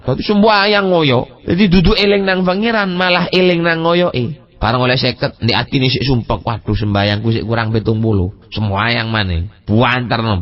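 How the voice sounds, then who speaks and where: A man with an East Javanese accent preaching at a religious study session, lively, asking rhetorical questions and speaking straight to his listeners, now and then chanting Arabic text with a Javanese gloss. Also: a little high, highs cut off. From East Java. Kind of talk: mosque study sermon mixing Indonesian and Javanese.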